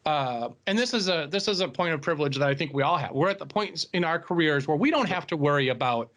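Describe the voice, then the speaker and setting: Midwestern man, high-pitched, animated storyteller who laughs mid-sentence, podcast co-host. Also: quick pace. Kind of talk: casual podcast chat.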